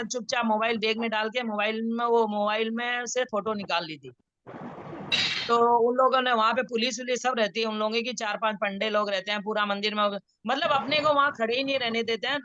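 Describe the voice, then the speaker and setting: A woman chatting casually, telling a story and acting out the people who scolded her. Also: on the high side. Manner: animated storytelling with acted-out scolding. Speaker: pilgrim recounting a temple visit. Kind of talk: casual chat. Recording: dull lo-fi audio, faint noise.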